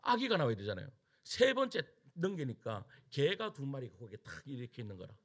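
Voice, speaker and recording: A middle-aged male pastor with a Gyeongsang Korean accent, preaching a sermon in an animated storytelling way and acting out quotes. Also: medium pitch, a little fast. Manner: animated storytelling with acted-out quotes and frequent laughter. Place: church sanctuary.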